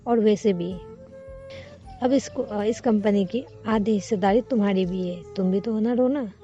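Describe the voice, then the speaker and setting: A woman's voice: medium pitch, measured pace, warm tone, lo-fi sound, soft background music, close to an everyday voice. Woman reading as a doting, bossy young owner. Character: affectionate possessive young woman, company owner.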